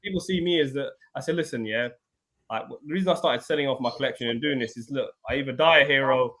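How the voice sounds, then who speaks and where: A man's voice: mid-range voice, fast, fairly bright tone. A man on a podcast panel in casual banter, playful and teasing the others.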